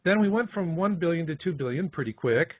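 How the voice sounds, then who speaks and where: A man's voice: on the high side, animated, a little fast, no echo. A man hosting a radio talk show, explaining his points in a conversational way. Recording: tinny phone-like sound.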